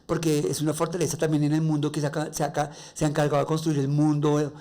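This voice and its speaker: A man with a Colombian accent and a nasal, raspy voice, hosting a faith-based podcast monologue and sharing personal stories earnestly. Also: fairly high pitch, monotone, fast talker, warm tone. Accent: Colombian Spanish. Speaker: podcast host.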